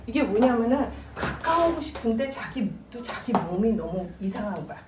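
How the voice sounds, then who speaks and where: Animated middle-aged woman, echoey hall. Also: fairly high pitch, normal speed. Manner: animated storytelling, mixes English words into Korean. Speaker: parenting seminar speaker. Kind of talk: church seminar talk. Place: church hall. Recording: echoey room, voice from far off, faint noise.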